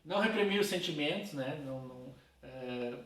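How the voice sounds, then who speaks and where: A man's voice: a little high, expressive, normal speed, a bit bright. A man teaching a philosophy class in a casual way, talking straight to his students. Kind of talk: recorded class lecture. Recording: roomy, from a distance.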